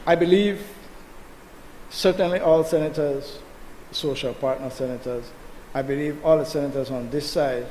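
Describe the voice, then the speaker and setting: A man's voice: a little high, normal speed, pauses often, a little mellow. A man giving an emphatic, combative speech as a senator in a parliamentary debate, addressing the chair. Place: legislative chamber. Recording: echoey chamber with long reverb, faint noise.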